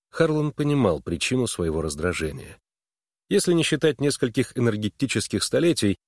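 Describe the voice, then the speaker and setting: A man narrating a novel in an even, steady audiobook reading. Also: medium pitch, dry recording, clean studio sound. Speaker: audiobook reader. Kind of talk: scripted narration.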